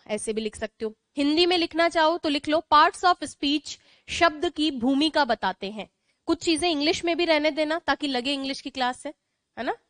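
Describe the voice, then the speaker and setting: Indian-accented woman teacher, high voice, asks the class questions and repeats key points, dry close mic. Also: no room sound. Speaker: English grammar teacher. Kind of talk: online class lecture.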